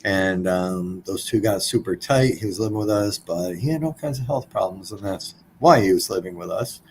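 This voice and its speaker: A man's voice: sits low, moderate pace, a little mellow, a little hiss or hum, poor audio. A man in his forties, a podcast guest, telling a personal story in a blunt, casual way, swearing freely.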